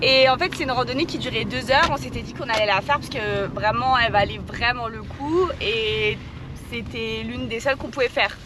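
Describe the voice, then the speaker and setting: A woman's voice: fairly high pitch, normal speed, noisy background. A woman vlogging about her travels in a casual, rambling way, hesitating often and giggling between sentences. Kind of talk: casual travel vlog narration.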